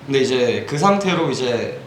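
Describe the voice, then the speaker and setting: A man's voice: medium pitch, animated, normal speed, a little hiss or hum. A young man in his twenties talks casually as a guest, chatty and upbeat, and he laughs easily. His voice moves up and down a lot. The room is echoey. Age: 20s. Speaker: guest rapper. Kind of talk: casual interview chat.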